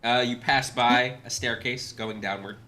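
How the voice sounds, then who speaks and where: Bright-toned male dungeon master. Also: mid-range voice, measured pace. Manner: relaxed, hesitant with fillers. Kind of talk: narrating a tabletop game on stream.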